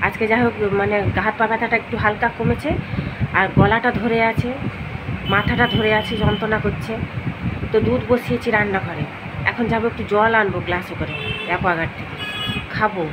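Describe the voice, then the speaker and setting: A hoarse, unwell middle-aged woman, walking outside at night and chatting straight to her vlog viewers. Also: medium pitch, steady tone, a little fast. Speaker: vlogger. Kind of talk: casual daily vlog chat. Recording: loud street and traffic noise.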